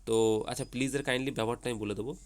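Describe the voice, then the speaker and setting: Male English tutor for kids, mid-pitch, explains step by step, keeps checking understanding. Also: steady tone, racing, clear, resonant tone. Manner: repeats checks like "ঠিক আছে?", asks and answers his own questions. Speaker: English teacher. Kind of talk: explanatory lesson to children.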